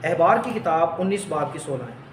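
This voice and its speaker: High-voiced man teaching a Bible lesson. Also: expressive, a little hiss or hum. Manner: repeats phrases slowly for note-taking. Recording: echoey room.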